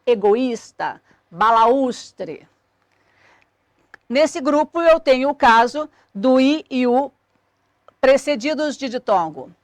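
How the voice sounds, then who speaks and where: A woman, explaining a grammar lesson clearly and methodically as a teacher. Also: high voice, expressive, takes it slowly, pauses often, dry recording.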